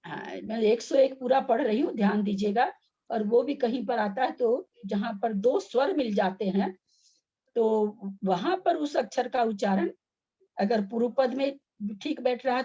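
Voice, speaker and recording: A woman's voice: fairly high pitch, moderate pace, dark tone, breathy edge, lo-fi sound. A woman teaching Sanskrit pronunciation in an online class, patient and step by step, with repeated examples.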